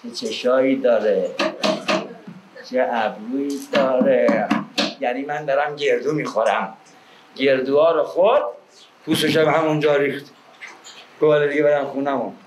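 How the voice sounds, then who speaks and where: A man's voice: mid-range voice, fairly even intonation. Theatrical epic teahouse storyteller, echoey man. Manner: theatrical, with raised declaimed calls and drawn-out verse. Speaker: traditional Persian storyteller (naqqal). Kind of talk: epic teahouse storytelling, moving between chanted verse and colloquial prose. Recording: echoey room with faint background noise.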